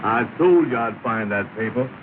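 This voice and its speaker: A man's voice: mid-range voice, animated, normal speed, lightly acted. A man playing Andy, a bossy self-important fellow. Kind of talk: 1930 film comedy acting. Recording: tinny, hissy 1930 film soundtrack.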